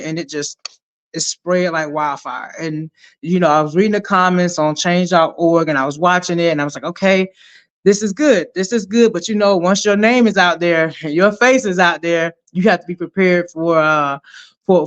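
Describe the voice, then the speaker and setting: A middle-aged woman, a retired army sergeant, telling her story in an energetic, emphatic way as a podcast guest. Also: lowish voice. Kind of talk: conversational interview storytelling.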